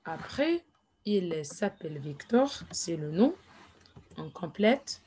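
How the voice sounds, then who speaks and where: A woman teaching slowly and patiently from her desk, repeating every phrase and slipping in English asides. Her voice is mellow and unhurried. Faint noise and keyboard clicks sit behind her. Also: lowish voice, very animated. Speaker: French teacher. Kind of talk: slow classroom explanation with English asides.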